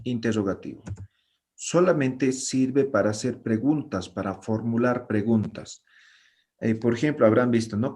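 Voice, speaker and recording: Patient male teacher, mid-pitched voice. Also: a little mellow. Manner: patient, explanatory, keeps checking understanding. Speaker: language teacher. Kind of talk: online class lecture.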